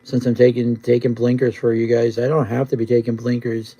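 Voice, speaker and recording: A man with a very dark, husky voice chats to a livestream in a laid-back stoner drawl. He rambles and repeats himself, keeping a flat, gravelly tone throughout. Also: medium pitch, a little fast, muffled recording. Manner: repetitive, rambling. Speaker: live streamer. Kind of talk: casual rambling livestream chat.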